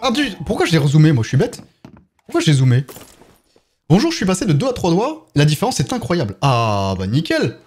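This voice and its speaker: A young man with a French accent talks through a live game stream, reading out viewer chat and answering it between rounds. His voice sits a little high and swings up and down with a lot of life. Faint gunfire from the game runs underneath. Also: huge pitch swings, fairly quick, darkish tone, a little hiss or hum. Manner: chatty, reads and answers viewer chat while playing.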